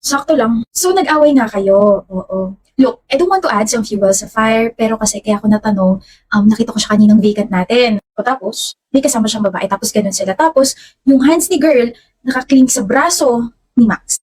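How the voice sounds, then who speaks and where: A woman's voice: on the high side, lively intonation, normal speed, a little mellow, slight background noise. A woman acting several roles in a short drama, with emotional, switching delivery. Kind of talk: acted Filipino short drama, multiple roles.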